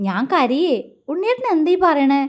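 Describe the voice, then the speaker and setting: A woman's voice: high-pitched, a little fast, natural voice. Woman voicing a tender, tearful young wife. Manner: soft, emotional, pleading.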